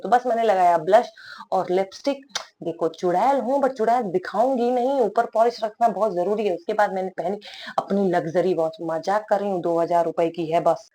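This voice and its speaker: A woman's voice: mid-range voice, a little mellow. A young woman vlogging her evening out in a chatty voice-over, joking and teasing herself as she goes. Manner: playful, self-mocking, jokey asides.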